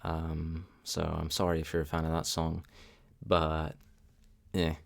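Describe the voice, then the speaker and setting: A music reaction channel host with a deep, gravelly, monotone voice talks casually through his thoughts on a track. He hesitates a lot, filling gaps with ums and restarting sentences as he thinks aloud and weighs his opinions candidly.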